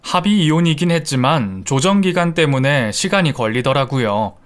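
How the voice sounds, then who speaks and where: A man reading a first-person story aloud in a steady, confiding storytelling manner. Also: fairly high pitch, moderate pace. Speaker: narrator.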